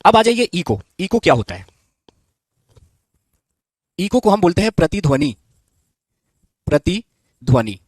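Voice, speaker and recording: Male physics teacher, high voice, dry close sound; quizzes the class and answers himself, drills terms slowly. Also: sing-song, dry recording. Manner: asks the class questions and answers them himself; repeats key terms slowly. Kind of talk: live online physics lesson.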